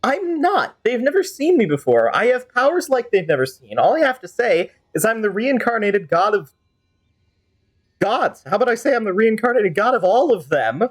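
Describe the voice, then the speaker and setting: A high-pitched, very animated man livestreams a game at a moderate pace, rambling casually and chattily. He slips into playful role-play now and then, with game music in the background.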